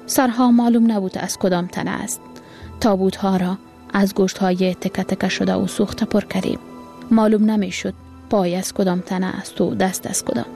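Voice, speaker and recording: Brief: woman as a sorrowful poor father in a storybook, gravelly, light music behind. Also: medium pitch, fairly even intonation, dark tone, natural voice. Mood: weary. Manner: tired and sorrowful. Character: weary poor carpenter father, grieving.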